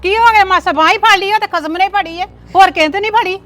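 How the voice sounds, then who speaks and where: An actress playing a sharp-tongued mother-in-law, scolding and sarcastic. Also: very high voice, fast talker.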